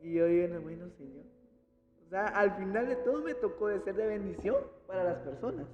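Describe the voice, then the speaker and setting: A man, a church pianist, tells a personal faith story in an earnest, reflective, halting way during a casual conversation. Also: sits high, expressive. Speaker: church pianist sharing a testimony. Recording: reverberant, dull recording with music behind.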